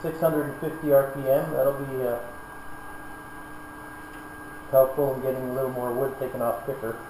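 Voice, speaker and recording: A man narrates casually from a woodturning workshop, his mid-pitched voice muffled as if covered by a face shield. The room is echoey and there is clear noise behind him. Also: flat delivery, fast. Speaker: woodturner presenting a shop video. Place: workshop at a lathe. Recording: muffled, roomy, noisy workshop without external mic.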